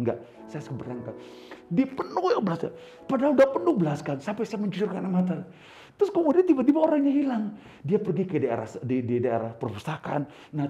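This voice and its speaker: A man preaching, telling his own story with lively swings between loud bursts and soft asides. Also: on the high side, echoey room, dull audio. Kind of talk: sermon with personal testimony.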